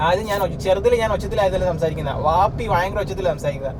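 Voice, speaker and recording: A Malayali man from Kerala telling a family story, casual, laughing, talking loud from a car. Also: high voice, racing, noisy background. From Kerala, India. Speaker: family vlogger. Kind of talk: casual vlog chat. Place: in a car on city roads.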